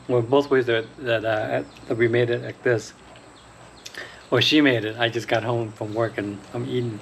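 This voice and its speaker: A man hosting a fishing vlog, chatting casually over a meal at home, talking haltingly with lots of ums and uhs. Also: mid-range voice, slight background noise. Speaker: fishing channel host. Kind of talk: casual chat while eating.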